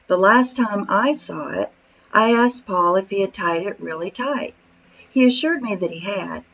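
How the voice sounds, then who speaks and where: A woman tells a scripted story as voice-over narration in an even, storytelling manner. Her pitch sits in the middle of the range. The recording sounds a little dull and lo-fi. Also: a little slow, creaky. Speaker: vlog narrator.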